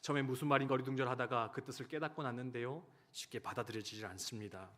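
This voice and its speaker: A man's voice: mid-range voice, quick pace, fairly bright tone. A male pastor preaching a sermon, telling stories and acting out the quoted lines. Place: church sanctuary. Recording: long hall reverb.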